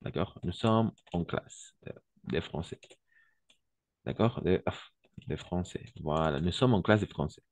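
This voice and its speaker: With a deep, somewhat mellow voice on a dry recording, this man teaches French to Spanish speakers. His explanations are slow and patient, with shifts into Spanish and constant "d'accord?" check-ins.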